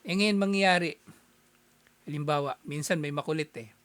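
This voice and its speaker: A man from the Philippines giving a casual, animated talk, chuckling often and acting out little exchanges as he explains. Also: on the high side, moderate pace, no room sound.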